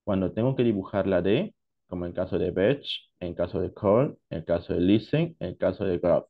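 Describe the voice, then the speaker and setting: Male English teacher from Peru, unhurried classroom explainer, dull low-fidelity recording. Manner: slow, deliberate explanations mixing Spanish and English. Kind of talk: online class lesson.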